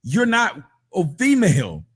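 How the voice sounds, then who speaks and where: A radio host in his forties argues hard on air, pushing his points and talking over the other speaker in a heated exchange. His high, husky voice swings hugely in pitch, yet his pace stays unhurried.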